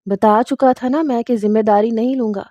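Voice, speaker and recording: A woman voicing a grumpy, sleepy young husband in a narrated storybook, gruff and dismissive. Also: on the high side, steady tone, warm tone, dry recording, close to an everyday voice. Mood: annoyed.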